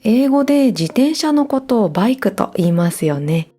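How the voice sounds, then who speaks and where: A woman hosting a Japanese-language learning podcast, explaining words in a clear, gentle, scripted way over soft guitar music. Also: on the high side, big pitch swings, normal speed. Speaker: podcast host.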